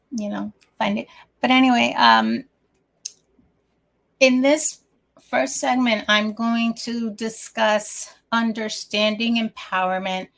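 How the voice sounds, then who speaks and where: A woman hosts her own casual talk show as a life coach. Her voice has a gravelly edge, and she sounds a little out of breath. She rambles, restarting her sentences and filling pauses as she goes. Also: mid-range voice. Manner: rambling, many restarts and fillers.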